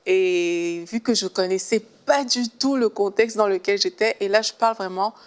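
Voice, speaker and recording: A woman's voice: medium pitch, normal speed. Woman from Cameroon praising God. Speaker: co-host.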